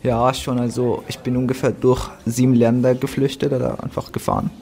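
Brief: a teen doing a polite newcomer boy, hesitant, halting German, school play. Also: medium pitch, level tone, gravelly, darkish tone, natural voice. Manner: slow, simple, hesitant German with fillers. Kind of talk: amateur school drama.

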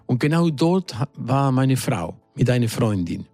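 A middle-aged man from Argentina with an Argentine Spanish accent, speaking German as a second language in a radio interview, halting and searching for words. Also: medium pitch, big pitch swings, darkish tone, no room sound. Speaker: singer, studio guest.

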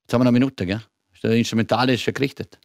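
A man's voice: mid-range voice, fairly even intonation, racing, no room sound, clean studio sound. A man hosting a late-night radio talk show, friendly and chatty, with frequent fillers and restarts. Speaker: radio host. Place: radio studio. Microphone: studio microphone.

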